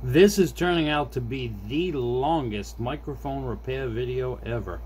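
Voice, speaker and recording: At a small indoor desk workspace, a middle-aged hobbyist repair host works through a hands-on repair, narrating in an unhurried, casual way and muttering to himself. His voice is medium-pitched and a little mellow, with faint background noise in the recording.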